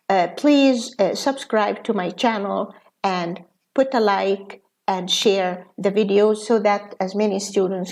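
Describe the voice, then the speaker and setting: A woman's voice: medium pitch, darkish tone. A woman teaching English pronunciation, reading word lists aloud with frequent fillers and restarts. Her first language is Arabic. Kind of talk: slow instructional lesson.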